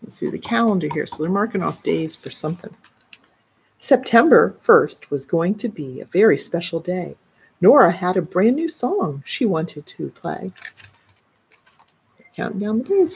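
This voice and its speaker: A woman's voice: on the low side, sing-song, a little slow, creaky, slight background noise. A middle-aged woman, a children's librarian, reading a picture book aloud in a live story time and adding explanatory asides.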